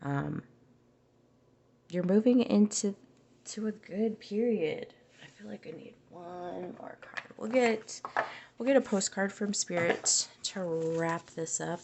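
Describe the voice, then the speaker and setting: A woman's voice: mid-range voice, slow pace, gravelly, background noise. A woman giving a casual tarot reading, musing aloud in a conversational way and often restarting her phrases. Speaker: tarot reader.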